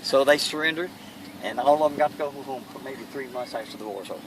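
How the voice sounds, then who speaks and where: In a halting, plain-spoken interview, a Kentucky man in his 80s or beyond speaks at medium pitch about his own time in World War II. A distant mic picks him up amid noise that sounds like passing vehicles.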